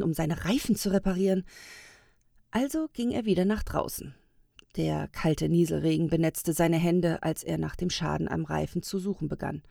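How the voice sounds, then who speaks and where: Woman reading a story, gravelly low voice. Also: a little mellow, no echo, studio quality. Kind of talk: storybook narration.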